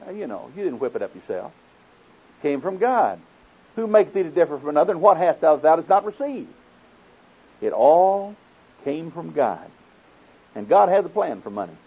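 A man preaches in an Oklahoma accent, folksy and direct, moving between scripture and plain questions. His voice sits a little high with a husky grain. The recording is narrow and thin, like an old phone line. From Oklahoma, United States. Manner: folksy, rhetorical questions to listeners. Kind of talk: sermon teaching with scripture quotations. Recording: muffled, narrow phone-like sound.

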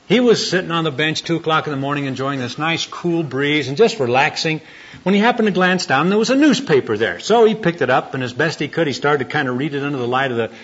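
A man born in the United States preaching a sermon at a church gathering. He tells stories in a folksy way, then turns to gentle, earnest prayer. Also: on the high side, slightly rough. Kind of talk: sermon with storytelling. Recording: dull lo-fi recording.

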